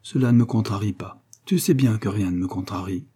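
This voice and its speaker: A man's voice: fairly low pitch, fairly quick, dark tone, slightly rough. A man voicing a sorrowful, lovesick young heiress in an audiobook, speaking plaintively and sighing.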